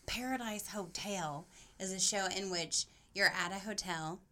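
A young woman co-hosting a podcast, chatting in a playful, animated way. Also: mid-range voice, a little slow. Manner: animated, playful, puts on silly voices. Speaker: podcast co-host. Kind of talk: casual chat.

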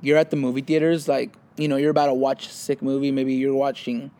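A man's voice: mid-range voice, brisk. A young man co-hosting a casual chat podcast, telling stories and acting out what people said. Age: young adult. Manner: animated storytelling, acts out quotes. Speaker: podcast co-host.

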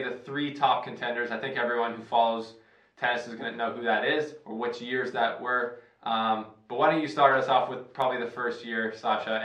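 A man from Canada, hosting a casual sports talk show in a relaxed, chatty way with fillers and restarts. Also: medium pitch, muffled recording. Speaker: host. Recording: roomy sound, distant from the mic.

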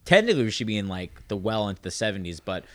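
A man's voice: lowish voice, sing-song, fairly bright tone, dry recording. A man in his twenties hosting a podcast with friends, telling rambling stories with lots of restarts. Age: 20s. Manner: quick, rambling storytelling with restarts. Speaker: podcast host and stand-up comic. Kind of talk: casual chat.

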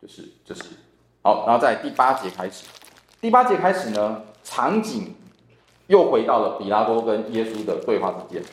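A church deacon with a Taiwanese Mandarin accent teaches a Bible study class and acts out the dialogue from the passage. His voice is fairly low with lively intonation at normal speed, and the room sounds echoey.

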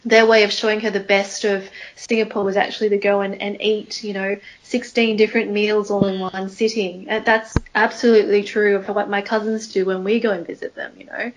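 A woman's voice: mid-range voice, poor audio. A woman co-hosting a casual film chat, talking loosely with many fillers. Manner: chatty, many ums and likes. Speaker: podcast co-host.

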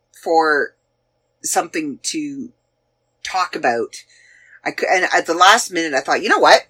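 Canadian woman, 40s, podcast host, lively pitch, bright tone, rambling casual chat. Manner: chatty, rambling, searching aloud with fillers. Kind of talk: casual chat looking back on past episodes.

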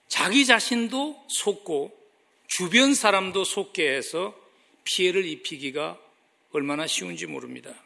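A man's voice: high voice, creaky, sharp tone. A man preaching a sermon as pastor, speaking earnestly and rising in emphasis on key phrases.

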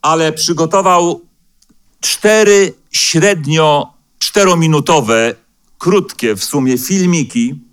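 A man preaching a sermon as pastor in a church, speaking in a measured way and slowing down to quote scripture, with the odd hesitant filler. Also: on the high side, a bit bright, clean tone. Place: church hall.

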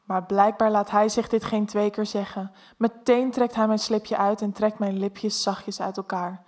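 A woman reading an erotic story aloud in a soft, intimate first-person narration. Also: medium pitch, little pitch movement, measured pace.

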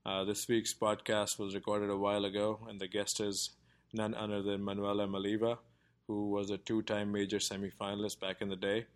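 A man with a lowish, flat voice introduces a podcast episode and its guest. His delivery is plain and matter-of-fact. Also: fairly quick. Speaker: podcast host.

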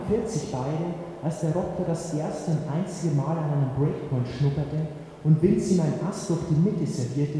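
A young man telling a first-person story aloud in a sardonic, lively way. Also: a little high. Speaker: narrator. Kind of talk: first-person audiobook narration. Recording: echoey reverberant room, faint noise.

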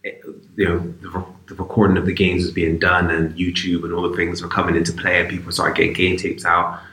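A man's voice: low-pitched, little pitch movement, brisk, sharp tone. A man from Bristol, chatting casually and reflectively as an interview guest. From Bristol, England. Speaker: basketball player, interview guest. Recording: roomy, echoey sound.

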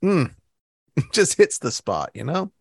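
A man's voice: a little high, huge pitch swings, measured pace, vocal fry, slightly rough, no echo, clean studio sound. A man co-hosting a casual chat, joking crudely and laughing often. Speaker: podcast co-host.

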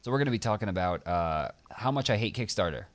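Deep-ish guy ranting on a gaming podcast, swears a lot, voice swings all over. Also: lively intonation, quick pace. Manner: profane, ranting, sarcastic. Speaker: podcast co-host. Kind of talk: casual gaming podcast chat.

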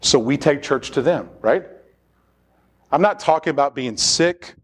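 A man's voice: fairly high pitch, lively intonation, a little slow, husky. A man preaching a sermon as pastor in a church, leading the congregation in call-and-response. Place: church sanctuary.

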